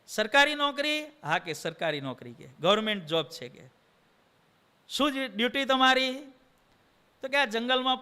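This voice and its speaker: Gujarati monk giving a story sermon, high, clear voice, lively dialogue. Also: male voice. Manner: acts out dialogue, shifting voices between characters. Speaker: swami preacher.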